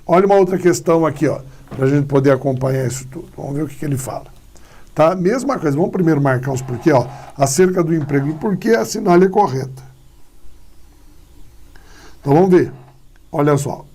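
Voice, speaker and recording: Gravelly teacher walking through answers. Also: male voice, a little high, expressive, fairly quick, dark tone, slight background noise. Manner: explanatory, full of tag questions like "tá?" and "ó". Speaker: Portuguese teacher for exam prep. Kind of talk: recorded exam-prep lesson.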